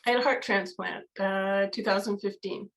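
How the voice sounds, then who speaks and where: A woman from Canada speaks as a guest in a casual interview. Her voice is gravelly with vocal fry at a middle pitch, and she talks candidly, full of fillers and restarts. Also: fairly even intonation, moderate pace, fairly bright tone, poor audio. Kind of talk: casual video-call interview.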